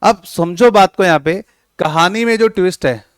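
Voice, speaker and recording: A man's voice: high-pitched, moderate pace, smooth, dry recording, studio quality. A man teaching a coaching class, teasing his students and acting out little scenes as he explains. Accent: Hindi-English mixing, Rajasthan. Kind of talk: classroom lecture.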